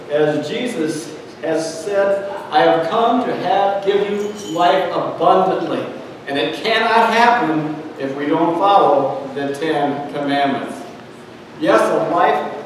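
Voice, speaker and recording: A man preaching a sermon in a church, speaking earnestly with frequent pauses and fillers. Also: high voice. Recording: echoey church hall, mic at a distance, faint room noise.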